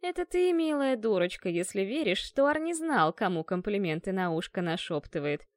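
A sarcastic, drawling cat-girl, put on by a woman narrator for a storybook reading. Her voice swings widely in pitch and sits close and dry on the mic. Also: big pitch swings, moderate pace, no echo, natural voice. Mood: mocking. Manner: drawling, mocking. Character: sly sarcastic cat-girl guard, mocking, teasing.

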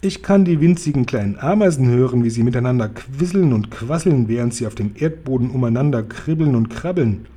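A man's voice: medium pitch, lively intonation, a little fast, few pauses, dark tone, husky. A man playing a proud, friendly giant. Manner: whimsical, playing with made-up words.

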